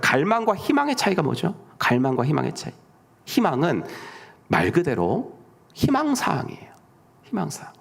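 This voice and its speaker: A man's voice: fairly high pitch, huge pitch swings, moderate pace, gravelly, slightly rough. A middle-aged man preaching a sermon as senior pastor, often asking the congregation questions and answering them himself, sometimes dropping to a whisper.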